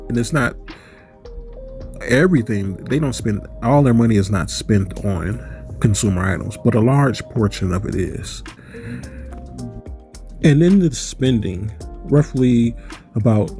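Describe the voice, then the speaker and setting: A man hosts his channel with a rambling, casual monologue to camera, voice stuffy from allergies, posing rhetorical questions and correcting himself. His voice is lowish with a dark tone.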